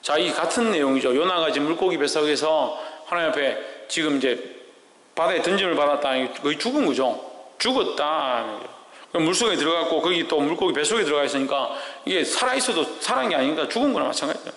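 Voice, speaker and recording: A male pastor preaches in a church sanctuary, his voice set a little high and pushed forward with a tense, forceful edge. He keeps asking his listeners questions and answering them himself, and every line rings out through a roomy hall with a long, echoing tail. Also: expressive, fast talker. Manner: asks the congregation rhetorical questions and answers them. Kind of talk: sermon.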